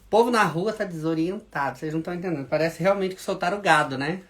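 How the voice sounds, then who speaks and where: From home in the UK, a Brazilian man runs a casual live stream, talking fast in a slightly high voice. He chats animatedly with viewers, whom he calls "gente", mixing Portuguese with English carrying his Brazilian Portuguese accent.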